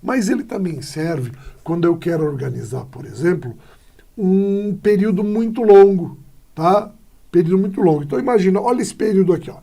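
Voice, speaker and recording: A man's voice: high-pitched, expressive, brisk, creaky, mellow. A male Brazilian Portuguese teacher explaining punctuation in a classroom lesson, often checking in with short tags as he points to examples.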